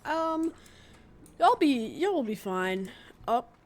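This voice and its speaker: Slow-talking woman gamer with hiccups. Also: high-pitched. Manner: chatty, talks to game creatures, sudden excited outbursts. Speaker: let's-play gamer. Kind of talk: casual gameplay commentary.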